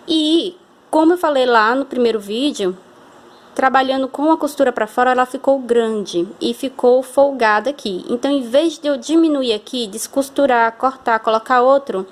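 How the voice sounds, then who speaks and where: A Brazilian woman teaching a hand-sewing craft lesson, patient and step-by-step, often checking in with the viewer. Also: a little high. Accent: Brazilian Portuguese. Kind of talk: hands-on sewing tutorial.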